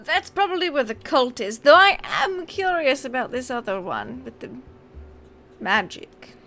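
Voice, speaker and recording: A woman's voice: high voice, sing-song, unhurried, pushed and bright, faint music behind. A woman playing a tabletop game, joking with the group and laughing often. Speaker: player. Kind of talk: casual tabletop play.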